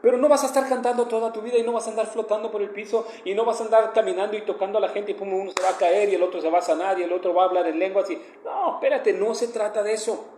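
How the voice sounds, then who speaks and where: A man's voice: high voice, fairly even intonation, rapid-fire, hardly any pauses, darkish tone, reverberant, slight background noise. A man with a northern Mexican accent, giving a devotional meditation in a conversational, earnest way that often turns emphatic. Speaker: preacher.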